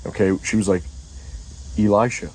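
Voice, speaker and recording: An average-pitched man spins a comedic story in casual banter. He is animated and profane, acting out each moment with silly sound effects. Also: normal speed, low-quality recording.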